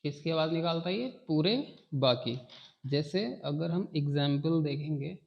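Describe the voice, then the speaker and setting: Man teaching a slow, repetitive phonics lesson. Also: a little high, steady tone, creaky, highs cut off. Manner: repeats key phrases, checks in often.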